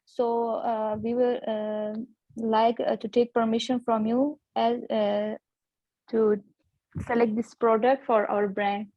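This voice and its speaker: A woman student doing a practice call in halting English, hesitant and full of fillers, heard over a video call. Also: fairly high pitch, flat delivery, no echo, muffled recording. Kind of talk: role-play practice call.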